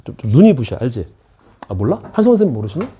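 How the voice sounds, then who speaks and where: A man's voice: medium pitch, big pitch swings, racing, dark tone, slight background noise. A middle-aged man teaching math in an academy classroom, joking with students between explanations. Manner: joking, chatty asides to students. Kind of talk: casual classroom lecture.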